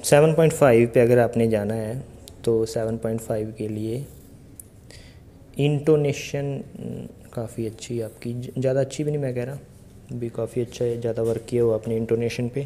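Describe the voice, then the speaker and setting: Dark-voiced chatty male IELTS coach. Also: medium pitch, fairly even intonation, normal speed, a little hiss or hum. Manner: chatty, addresses viewers directly with rhetorical questions. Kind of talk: casual Hindi tutorial monologue.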